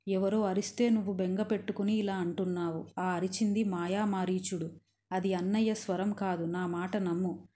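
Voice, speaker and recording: A woman voicing a loyal, earnest young prince in a storytelling reading, slow and steady. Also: medium pitch, lightly acted. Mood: pleading. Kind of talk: storytelling narration.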